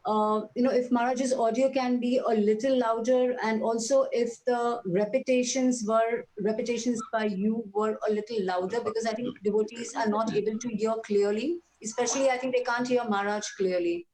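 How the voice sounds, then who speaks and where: A woman with a slightly high voice reports to her spiritual teacher over a video call. She talks hesitantly, with many fillers between her phrases. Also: fairly even intonation, normal speed, few pauses, a little mellow, poor audio.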